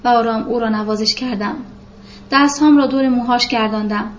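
A woman reading a literary novel aloud in a calm, measured storytelling voice, on a dull lo-fi recording with faint hiss. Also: fairly high pitch. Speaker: narrator. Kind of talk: literary audiobook narration.

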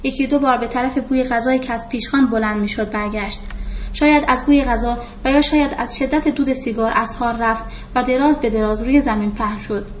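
A woman's voice: on the high side, fairly even intonation, dull audio, slight background noise. A woman narrating a novel as a scripted audiobook reading, giving the characters' lines in her own voice.

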